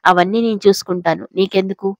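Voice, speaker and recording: A slightly hoarse woman voicing a blunt young husband in an audio story, talking directly and a little impatiently. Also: medium pitch, steady tone, fast, no room sound, close to an everyday voice. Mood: teasing.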